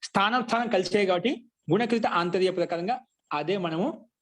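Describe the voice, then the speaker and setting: A man giving a grammar lesson, asking questions and answering them himself, and slowly chanting rules. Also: high voice. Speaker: Sanskrit grammar teacher. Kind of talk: classroom lecture.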